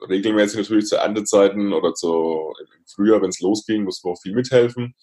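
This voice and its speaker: A man, a podcast guest speaking reflectively, with pauses and restarts. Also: fairly low pitch, mellow. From Franconia, Germany. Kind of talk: podcast interview.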